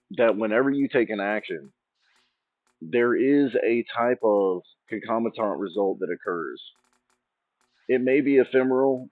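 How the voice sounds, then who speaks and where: With a fairly low voice and no room sound, a man hosts his own channel in a relaxed ramble, restarting thoughts before finishing sentences. The recording comes across dry and phone-like, with faint music.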